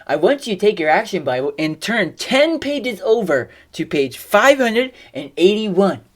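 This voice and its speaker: A young woman teaching a children's Bible lesson, telling the story in an expressive, animated way. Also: mid-range voice, a little slow.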